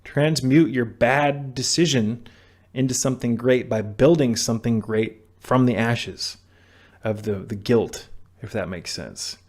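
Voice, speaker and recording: A man's voice: medium pitch, unhurried. A young man speaks into a camera mic in a mid-range voice, lecturing viewers on addiction. He is blunt and preachy, stumbling into restarts and dropping the occasional curse as he pushes his point. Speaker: vlogger on sobriety. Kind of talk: direct-to-camera self-help talk.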